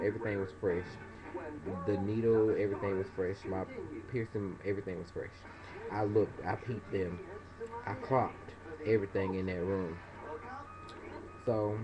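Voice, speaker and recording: In a vlog, a young man in early adulthood casually recounts a story, putting on high-pitched voices for the other people in it. His delivery is animated, captured through dull, lo-fi webcam audio.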